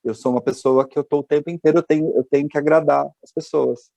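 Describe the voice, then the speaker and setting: A man's voice: fairly high pitch, steady tone, fast, vocal fry, mellow, no room sound. A male host, telling stories in casual chat and often restarting his sentences. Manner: chatty, hesitant restarts. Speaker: podcast host.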